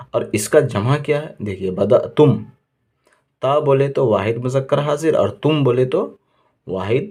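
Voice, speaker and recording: A male Arabic grammar teacher with a low-pitched, slightly mellow voice drills verb forms in a classroom lesson. He is patient and methodical, repeating each word with its meaning and posing and answering his own questions.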